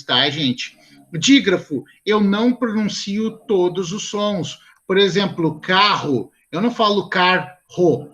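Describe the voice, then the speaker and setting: A man's voice: on the high side, fairly bright tone. A Brazilian man teaching a Portuguese exam review class online, who explains patiently and keeps checking in with his students.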